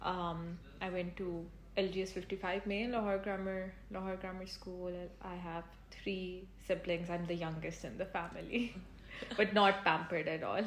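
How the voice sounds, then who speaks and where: A woman's voice: lowish voice, level tone, normal speed, hardly any pauses. A young woman from Pakistan in her twenties, chatting casually as an interviewee, with lots of fillers and easy laughter. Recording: echoey room with faint ambient noise.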